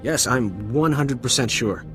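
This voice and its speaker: A male actor with a medium-pitched, slightly slow, lightly acted voice plays a cocky young ensign, a rescued junior officer, in a game cutscene. He cracks sarcastic jokes with a wry mood and stammers when he gets scolded, with faint music in the background.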